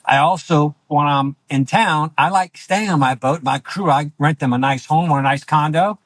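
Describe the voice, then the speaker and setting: A self-assured man giving opinions bluntly as an interview guest, often checking his points with a quick tag question. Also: a little high, no echo. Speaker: interview guest, boat owner.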